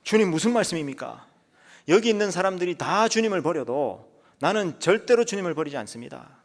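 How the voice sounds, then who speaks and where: A man voicing an impetuous, boastful male disciple, pleading loudly and insistently, in a reverberant church. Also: fairly low pitch, steady tone, quick pace, gravelly. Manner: loud, raised, insistent pleading.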